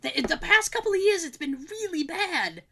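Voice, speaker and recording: A woman's voice: extremely high pitch, moderate pace. A woman in her forties co-hosting a podcast, chatting casually and telling stories with frequent laughter. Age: 40s. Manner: animated storyteller, laughs often. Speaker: podcast co-host. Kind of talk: casual chat.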